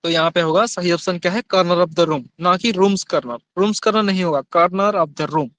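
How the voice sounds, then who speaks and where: A man teaching grammar in Hindi, reading examples slowly and then asking his students quick questions. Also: high-pitched, a bit bright, dry recording. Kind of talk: Hindi-English grammar lesson.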